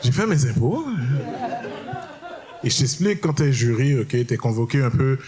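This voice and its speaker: With lively intonation and a moderate pace, a young man does a stand-up routine on a comedy stage in his mid-range voice. His storytelling is loose and slangy, and he takes time to explain things to the audience.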